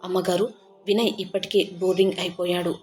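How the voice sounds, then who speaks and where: A woman's voice: lowish voice, flat delivery, fairly quick, slight background noise, natural voice. A woman voicing a kindly male airport officer. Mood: concerned. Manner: gentle, firm reassurance.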